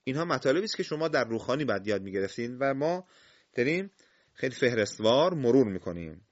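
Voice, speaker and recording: A man's voice: mid-range voice, sing-song, no room sound. A man teaching a spoken lesson on Quran recitation. He explains step by step, quizzes the listener and draws out the example words. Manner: explains step by step, quizzes the listener with questions, praises with "well done". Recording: dull, dry, lo-fi sound.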